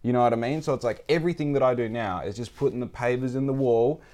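A man hosting a podcast in casual conversation, animated and swearing freely. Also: medium pitch, quick pace. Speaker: podcast host.

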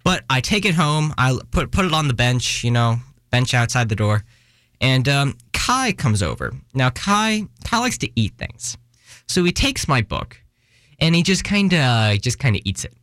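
A man's voice: mid-range voice, big pitch swings, moderate pace, fairly bright tone, dry recording, clean studio sound. A young man hosting a casual solo podcast, rambling with many restarts and joking at his own expense. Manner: rambling, self-deprecating, restarts and fillers, runs out of breath. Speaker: podcast host. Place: Washington, US.

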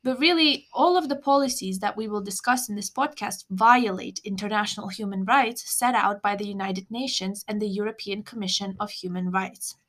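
A young woman hosting a scripted podcast, explaining in a measured way with wry asides. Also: medium pitch, fairly bright tone. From Lithuania. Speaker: podcast host.

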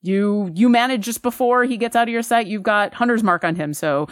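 A woman's voice: a little high, a little fast, no echo, clean studio sound. A woman running a tabletop game as game master, describing scenes and asking the players what they do. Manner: descriptive, with frequent fillers and restarts.

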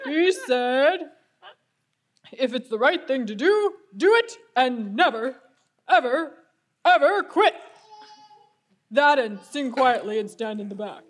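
Brief: easygoing guy Vern, as a woman voices him, high, slow, faint hiss behind. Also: very animated, heavily acted. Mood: laid-back. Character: easygoing man Vern, Jimmy's friend.

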